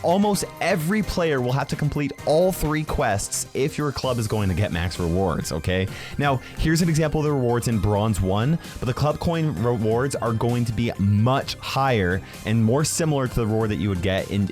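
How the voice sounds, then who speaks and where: A man's voice: mid-range voice, expressive, moderate pace, darkish tone, faint music behind. A man hosting a casual gaming news video, emphatic and conversational, often checking in with tag questions.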